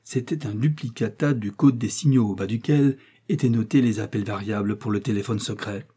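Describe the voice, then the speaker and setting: Male audiobook reader, mellow husky tone, steady novel narration. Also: on the low side, fairly quick. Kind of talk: scripted narration of a wartime novel.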